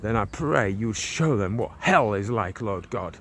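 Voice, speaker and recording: Walking a residential street with his phone held out at arm's length, an Englishman in his forties delivers a fervent prayer-and-preaching vlog, frequently rambling and starting his words over. He speaks in a lowish, expressive, fairly bright voice at a measured pace, with street noise and traffic going by.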